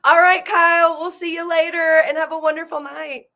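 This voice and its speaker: A woman's voice: very high voice, level tone, moderate pace, bright, forceful tone. A woman from the southern United States, hosting a live online interview event in a casual style. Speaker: host of an online advocacy event.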